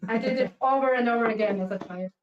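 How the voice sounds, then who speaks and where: A woman from Switzerland, a guest speed puzzler, chatting shyly and halting with giggles on a video call. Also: on the high side, reverberant, dull audio, background noise. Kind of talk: casual video call chat.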